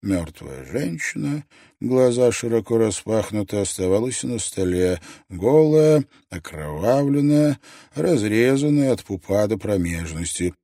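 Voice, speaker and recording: A man reads a dark novel aloud with tense, expressive delivery. His voice sits low but moves widely in pitch. The recording is dry and close to the mic. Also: measured pace, no echo. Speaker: audiobook narrator. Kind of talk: dramatic narration of a novel.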